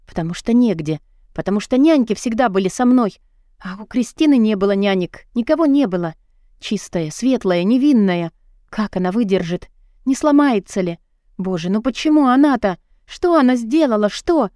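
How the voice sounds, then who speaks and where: A woman's voice: fairly high pitch, lively intonation, moderate pace, warm tone, no echo, studio quality. A woman narrating a novel in the first person, reading dramatically and with strong emotion. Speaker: audiobook narrator.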